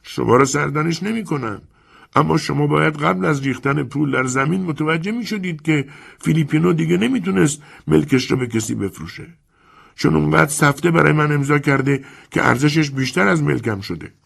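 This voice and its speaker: A male narrator voices a sickly old moneylender in an audiobook, a cold schemer who never raises his voice. The voice sits far higher than the reader's own and stays husky and gravelly. He speaks slowly and softly, with calm menace in every word. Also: heavily acted. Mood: calm, sly. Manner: soft, slow, calmly menacing. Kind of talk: audiobook character voice.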